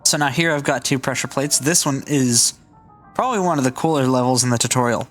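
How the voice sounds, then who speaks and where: A man's voice: medium pitch, brisk, fairly bright tone. Guy doing lets-play commentary, explains stuff as he goes, music in the back. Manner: chatty, explaining as he plays. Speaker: gaming channel host. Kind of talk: casual game commentary.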